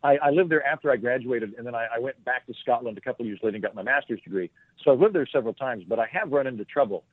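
A man's voice: mid-range voice, animated, very fast, few pauses, no room sound. A male comedian telling a rambling, self-deprecating story as a podcast guest, on a tinny, dry phone-like line.

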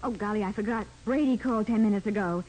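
An actress playing an eager young assistant to a detective who talks in quick exclamations, in 1940s radio drama style. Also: female voice, mid-range voice, dark tone, lightly acted, low-quality recording. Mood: worried.

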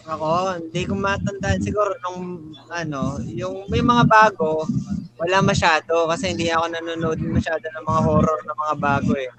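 A man as a guest in a casual chat, searching his memory aloud with frequent pauses. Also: on the high side, fairly even intonation, over music, low-quality recording. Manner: searching memory, many "ano" fillers.

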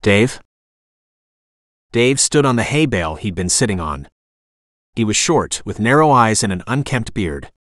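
Guy narrating an audiobook, expressive, bouncy pitch, dead dry sound. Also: moderate pace, no room sound. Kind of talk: scripted first-person narration.

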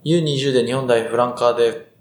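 A young man in his twenties, a rugby player answering interview questions earnestly and thoughtfully, with many pauses and fillers. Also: medium pitch, fairly even intonation, slight background noise. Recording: roomy echo.

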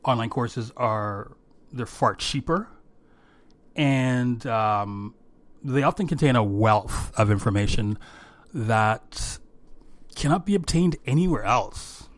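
Halting male podcast host, strained voice. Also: mid-range voice, animated, no room sound. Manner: halting, often repeats words and searches for phrasing. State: strained, worn voice. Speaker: podcast host, creative director. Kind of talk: informal solo podcast talk with marketing tips.

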